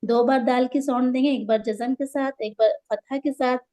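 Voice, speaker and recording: Woman, Quran recitation teacher, spells letters one by one, slow chanted verses, quick explanations, slightly high, mellow tone. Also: fairly even intonation. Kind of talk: tajweed lesson, spelling out letters and vowel marks.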